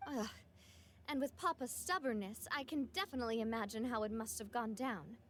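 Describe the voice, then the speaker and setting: A woman's voice: on the high side, fairly quick, slight background noise, lightly acted. An actress playing a poised, outspoken young woman who leads an organization in a video game. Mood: puzzled, wry. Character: poised young female boss, warm-hearted and outspoken.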